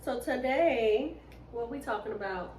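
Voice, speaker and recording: A woman with a New York accent chats on her podcast, teasing her co-host and breaking into laughter. Her voice sits fairly high. She is heard from a distance in a roomy space with a light hiss of noise. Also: animated, unhurried, a little mellow. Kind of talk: casual chat.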